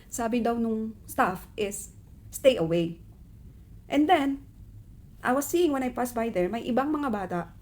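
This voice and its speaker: Mellow-voiced mother telling a story. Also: a little hiss or hum. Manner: switches between Tagalog and English, retells her own quoted lines with rising pitch. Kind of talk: casual storytelling vlog.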